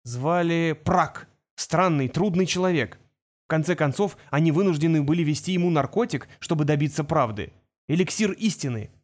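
A man voicing a delirious male journalist who whispers hoarsely, weeps and breaks into shrieks in an audiobook. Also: on the high side, moderate pace, close to an everyday voice. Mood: feverish whisper. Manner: feverish, rambling, melodramatic. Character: delirious, tearful male journalist gone half mad.

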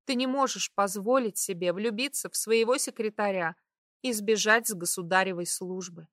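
A woman's voice: mid-range voice, moderate pace, fairly bright tone, no echo, close to an everyday voice. The narrator plays a proud young woman on the run in an audiobook romance. She speaks coolly and turns biting and mocking. The recording is dry and close. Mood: indignant. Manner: cool, then sharply mocking. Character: young woman in hiding, proud and sharp-tongued.

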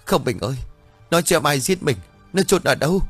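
A man's voice: a little high, expressive, fairly quick, slightly rough, soft background music, voice pushed up. A man voicing a young wife crying out in distress to the spirit of her murdered husband. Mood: distraught pleading. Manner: pleading, distraught.

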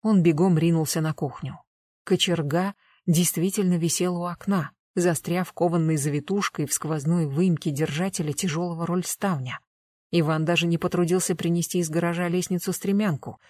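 Steady audiobook narrator, dry sound. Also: medium pitch, dry recording. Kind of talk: scripted narration.

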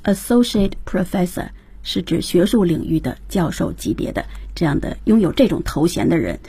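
A woman co-hosts a studio radio lesson, bringing up each new word and repeating what the teacher says. Her voice is low, mellow and slightly breathy. The sound is dry. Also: big pitch swings, normal speed, no echo. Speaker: radio co-host.

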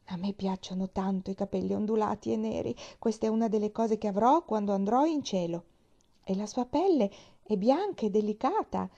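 A woman's voice: medium pitch, a little fast, warm tone, dull audio, lightly acted. A woman voicing a cheerful, chatty little girl in a storybook reading, eager and bubbly.

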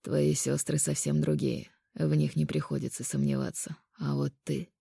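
A woman voicing a cruel male conqueror in an audiobook, speaking low, hushed and taunting. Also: little pitch movement, moderate pace, vocal fry, breathy edge, no room sound, clean studio sound, full character voice. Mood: cold menace. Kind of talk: audiobook character voice.

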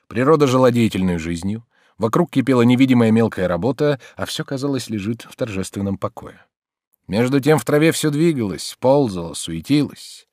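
A male narrator reads a classic novel aloud with measured, expressive delivery. His pitch rises and falls in a lively way. The recording is dry and close with no room sound. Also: no echo. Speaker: audiobook narrator. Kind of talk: literary audiobook reading.

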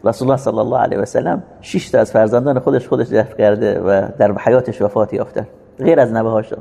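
A man teaching a religious text as a lecture, explaining hadith and rising into emphatic, drawn-out recitation of quotations. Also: fairly low pitch, steady tone, vocal fry, warm tone, breathy edge, big-room sound.

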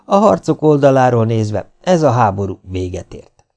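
A man reading the lines of a calm, sorrowful man in an audiobook, with quiet certainty. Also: mid-range voice. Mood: sombre.

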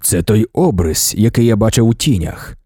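A man reading an audiobook, voicing an ancient god-emperor in a low, slow, commanding tone. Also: expressive, dark tone, slightly rough, no echo, clean studio sound. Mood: stern.

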